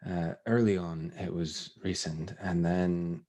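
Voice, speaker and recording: A man being interviewed about his voice acting, talking in a relaxed, thoughtful way and laughing easily. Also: low voice, slow pace. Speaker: voice actor guest. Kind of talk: casual interview chat.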